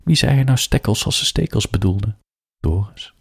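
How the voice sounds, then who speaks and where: A man's voice: fairly low pitch, lively intonation, moderate pace, gravelly, husky, no echo. A man reading his own first-person story aloud in a dry, wry way.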